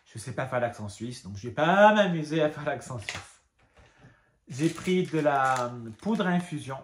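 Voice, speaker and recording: A man's voice: a little high, lively intonation, a little slow, echoey room, a little hiss or hum. A man casually showing his craft supplies in a home vlog, chatty and rambling with many fillers and asides. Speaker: craft vlogger. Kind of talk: casual show-and-tell vlog.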